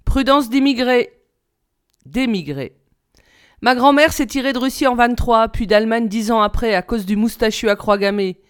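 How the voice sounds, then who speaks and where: A woman reading a children's novel aloud, lifting her pitch for the characters' lines. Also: fairly even intonation, fairly quick, hardly any pauses, clean tone. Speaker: reader.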